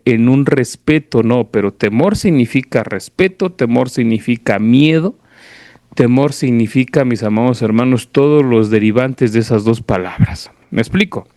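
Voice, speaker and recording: A preacher with a Mexican accent gives an informal sermon with Bible reading at a church service, teaching conversationally and often checking that listeners follow. His voice is medium-pitched and warm. The studio-quality recording has no echo.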